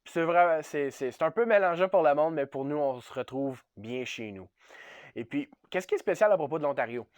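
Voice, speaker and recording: A man's voice: on the high side, expressive, brisk, no echo. A man from Ontario with a Franco-Ontarian French accent, hosting a casual, upbeat vlog and mixing English words into his French. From Ontario, Canada. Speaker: channel host.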